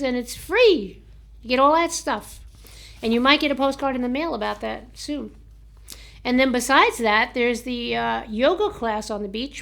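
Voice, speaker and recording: An American woman hosting a book show, chatting casually and reading aloud from books and notes, a little hoarse from a slightly sore throat. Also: sits high, a bit bright. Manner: chatty, laughs at herself, reads aloud haltingly. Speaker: host of a book review show.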